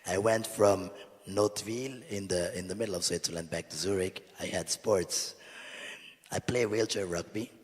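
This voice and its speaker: A young man doing a stand-up comedy set on a club stage, telling stories in a casual, deadpan way with lots of fillers. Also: sits low, moderate pace. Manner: casual, deadpan, chatty storytelling with many fillers. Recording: reverberant live venue.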